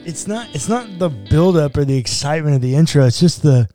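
A man, a pastor, co-hosting a church podcast in relaxed, casual chat. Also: on the high side, brisk, faint music behind.

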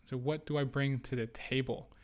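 A young adult man co-hosts a casual podcast chat, joking around playfully. His voice is medium in pitch with a steady tone at a normal speed.

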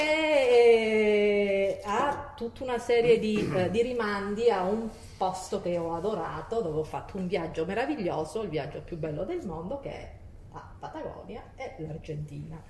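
A woman hosts a casual interview, speaking at a medium pitch. Her voice rings in a roomy space with faint noise underneath. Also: lively intonation, moderate pace, darkish tone. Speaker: interviewer and host. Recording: echoey room, faint background noise.

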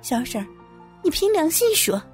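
A woman's voice: on the high side, sing-song, unhurried, mellow, soft background music. A woman voicing an angry middle-aged company boss who rants indignantly and curses a former employee, read as part of an audio story. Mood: indignant ranting. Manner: indignant, cursing, self-pitying ranting.

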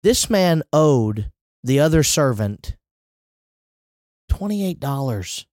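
A man's voice: on the high side, sing-song, slow pace, darkish tone, no room sound, clean studio sound. A man preaching a sermon in a conversational way, with rising emphatic asides.

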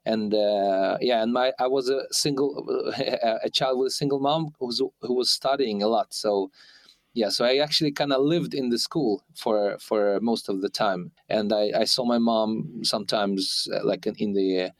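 A man in his forties, raised in Ukraine and now living in Sweden, speaking as an interview guest. He talks in a halting way, full of restarts and fillers. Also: lowish voice, no echo. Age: 40s. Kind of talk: hesitant conversational interview.

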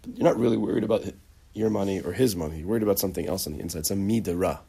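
A man's voice: low voice, very fast, creaky, dark tone, husky. A man teaching a conversational lecture on character traits, acting out bits of dialogue and often restarting his sentences. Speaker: Torah teacher.

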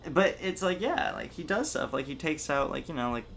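A man's voice: fairly high pitch, sing-song, a little fast, vocal fry, fairly bright tone, slight background noise. A man co-hosting a casual pop-culture podcast, saying "like" constantly and laughing in asides. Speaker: podcast co-host. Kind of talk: casual chat.

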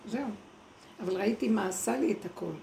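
A woman giving a spiritual talk, telling a personal story in an animated way and acting out the voices she quotes. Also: mid-range voice, noisy background. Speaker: speaker at a spiritual gathering. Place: evening gathering indoors. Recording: echoey room with clear background ambience.

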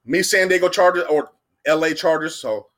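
Speaking at a moderate pace in a slightly high voice, this young man co-hosts a sports podcast. In the casual debate he rambles, repeats himself, and grows animated defending his predictions.

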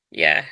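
In conversation, a woman from Manchester, England, speaks candidly about her life in a Mancunian accent, often repeating phrases and laughing occasionally. Her voice comes across pushed and bright. The clean studio recording has no room sound.

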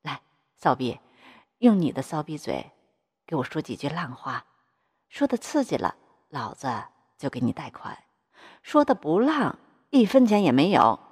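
有声小说里一个粗鲁跋扈的中年男行长，由一位女性朗读者演绎。声音偏低、起伏很大，嗓音沙哑带气声，整体笼罩在长长的大厅混响里。. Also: female voice, low-pitched, big pitch swings, a little slow, long pauses, breathy edge, big-room sound, full character voice. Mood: domineering. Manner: vulgar, bossy, swaggering. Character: crude, coarse-mouthed middle-aged male bank official.

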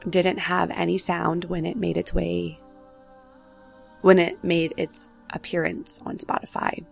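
Faint music sits behind a young woman's solo reflective podcast, recorded in an apartment with road noise outside. Her voice is low, level, gravelly and slightly rough, a little nasal from the flu, as she tells personal stories candidly and slowly.

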